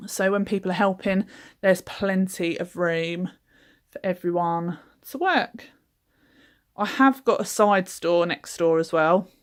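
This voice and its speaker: A young woman giving a chatty, relaxed tour of her small craft cabin, with frequent ums. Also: lowish voice. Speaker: craft business owner giving a workshop tour. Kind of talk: casual walkthrough.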